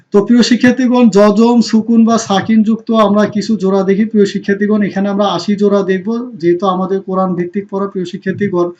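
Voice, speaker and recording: Male Arabic tutor, high voice, drills syllables one at a time for his students, muffled lo-fi sound. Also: darkish tone. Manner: repeats "dear students", asks and answers his own questions; drills short syllables one by one, slowing down to spell out Quranic phrases. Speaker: Arabic teacher. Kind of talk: recorded online grammar lesson.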